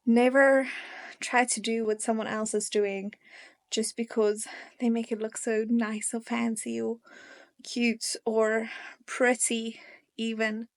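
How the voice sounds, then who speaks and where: Slow, gravelly-toned young woman vlogger. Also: fairly high pitch, level tone. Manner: earnest and encouraging, slow with soft pauses. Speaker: faith vlogger. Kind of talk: casual devotional talk to viewers.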